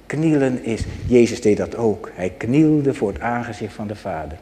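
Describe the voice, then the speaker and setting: A man preaching a sermon to his congregation. He asks them questions and moves between loud exclamations and soft asides. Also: fairly low pitch, lively intonation, moderate pace, a little hiss or hum. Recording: long hall reverb.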